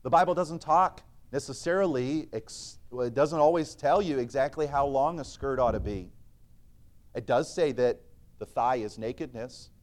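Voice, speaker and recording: This man's sermon in church is earnest and forceful, alternating loud and quiet passages, with scripture recited in old-style phrasing. He has a mid-range voice and keeps a moderate pace.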